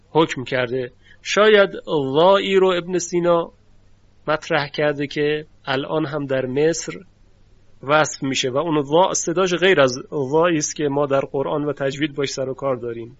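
A man's voice: a little high, dry recording. Formal male lecturer demonstrating speech sounds. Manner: explanatory, demonstrates sounds aloud; formal, courteous teaching register. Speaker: teacher of Quranic recitation phonetics. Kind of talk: recorded lecture. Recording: dry, dull lo-fi recording.

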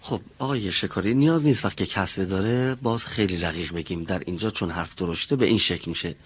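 A man's voice: sits low, slightly rough, no room sound. A man teaching pronunciation in a classroom, patiently drilling single sounds and correcting students.

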